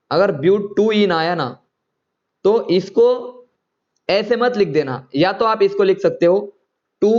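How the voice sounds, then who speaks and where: A man's voice: fairly high pitch, a little mellow, lo-fi sound. Coaxing male chemistry teacher. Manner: coaxing, repeats words, checks students often. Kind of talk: online class lecture.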